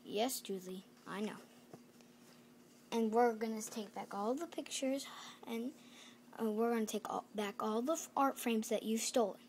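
A woman voicing a stern, matter-of-fact undercover police officer in a homemade doll-mystery story, firm but a little halting. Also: on the high side, a little mellow, slight background noise. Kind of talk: playful doll-mystery acting.

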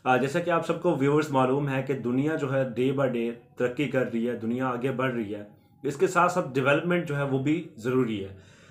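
A man's voice: medium pitch, normal speed. A man from Pakistan hosting an education channel, earnestly explaining to viewers in a repetitive way and mixing in many English terms. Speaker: YouTube education channel host.

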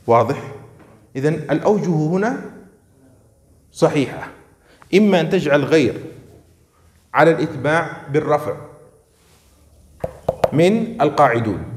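Male grammar teacher, fairly high voice, hall echo, slow stressed examples, constant comprehension checks. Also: darkish tone. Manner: checks understanding with frequent questions to students; slows down and stresses words when reading out examples. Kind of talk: classroom lesson.

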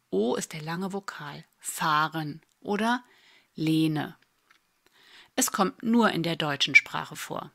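A woman, teaching a spelling lesson in a patient, clear way with dry little asides. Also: fairly low pitch, pushed and bright. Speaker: German spelling tutor. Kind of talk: slow explanatory lesson.

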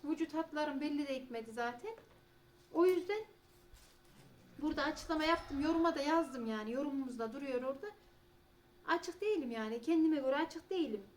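A woman's voice: high-pitched, expressive, brisk, long pauses. A woman, chatting casually and rambling in a home vlog, sometimes talking to her cats. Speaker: vlogger.

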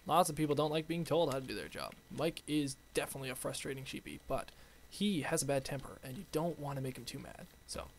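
A young man hosting a game video, chatting in an excitable, rambling way to his viewers. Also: medium pitch, fast, a little hiss or hum. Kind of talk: playful let's-play commentary.

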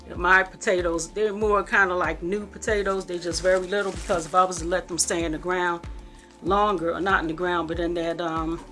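Woman, middle-aged, lowish voice, rambling homey vlog chat, soft music playing behind. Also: steady tone, fairly quick. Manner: rambling, homey and affectionate with viewers. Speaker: cooking vlogger. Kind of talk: casual home vlog chat. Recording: faint background music.

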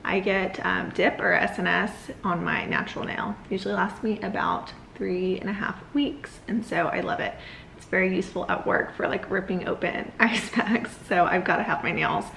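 A young flight attendant vlogger chats casually to a phone or camera held at arm's length, staying upbeat as she packs and moves through a home kitchen, a car, an airport and a hotel room. Her voice is on the low side, creaky yet fairly bright, at a moderate pace with slight background noise.

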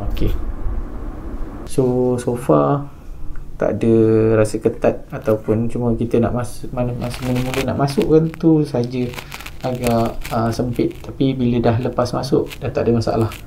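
A man's voice: medium pitch, steady tone, moderate pace, gravelly, warm tone, a little hiss or hum, poor audio. A Malaysian man reviewing a motorcycle helmet in a casual, hesitant way, with many fillers, speaking while wearing a full-face helmet.

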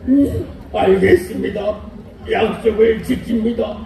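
A man voicing a remorseful escaped convict in a stage play, pleading in a lower voice. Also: unhurried, creaky, dark tone. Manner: pleading, low, theatrical. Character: remorseful middle-aged male escaped convict. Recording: echoey outdoor PA sound from far off.

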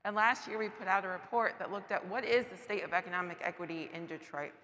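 Woman panelist, hoarse, bright tone, echoing market hall, faint hum. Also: medium pitch, fast. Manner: earnest presenter walking through slides. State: losing her voice. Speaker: panelist presenting data. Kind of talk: public talk. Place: large covered market shed. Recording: distant voice with long hall reverb.

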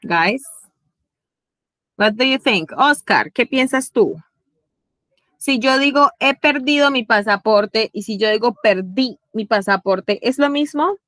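A woman's voice: fairly high pitch, lively intonation, slow, sharp tone, no room sound. A woman English teacher, giving an online class and patiently checking in with her students. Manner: patient, checks in often with questions.

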